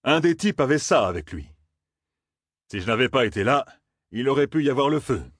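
A man's voice: mid-range voice, very animated, brisk, slightly rough, no echo, studio quality, voice pushed up. A man voicing a hardened, cold swordsman who speaks in a mocking, self-assured way. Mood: sardonic. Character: hardened gruff male swordsman, cold and sardonic.

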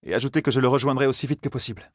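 Male narrator voicing a cold, commanding woman sorceress; low-key, quiet, audiobook. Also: steady tone, racing, no echo, clean studio sound, close to an everyday voice. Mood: composed. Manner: composed, cool, low-key.

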